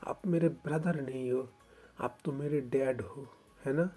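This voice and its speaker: A man's voice: medium pitch, a little slow, dark tone, husky. A man voicing a young man who cries happy tears and pours out his love for his big brother, earnest and pleading. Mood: tearful, loving.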